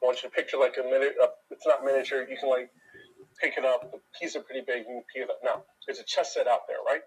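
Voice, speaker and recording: Speaking quickly with a steady tone and a breathy edge, a man with a deep, faintly husky voice vents at length about a work story. His exasperated, casual chat is aimed right at his audience, and the recording quality is poor.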